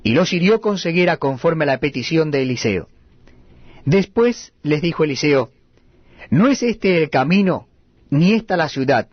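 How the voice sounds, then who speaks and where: A man reading scripture aloud at a steady, measured cadence. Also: on the high side, no echo, highs cut off. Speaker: Bible reader.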